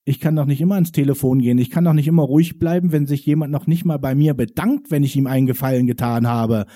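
A man's voice: mid-range voice, fast, dark tone. A man in his forties performing spoken-word poetry with a rhythmic, wry, confessional delivery. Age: 40s.

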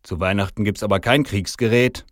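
A man voicing a jolly, grumbling Santa Claus in a read-aloud story, calling out loudly. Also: fairly quick, no echo, studio quality, close to an everyday voice. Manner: booming, grumbling.

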